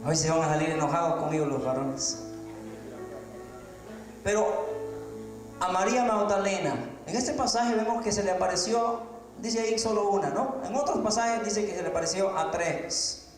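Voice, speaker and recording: A man preaching a sermon to his congregation, shouting at the high points and teasing the listeners with questions. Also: moderate pace, pauses often. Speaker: pastor. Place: church sanctuary. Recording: very echoey church hall with music.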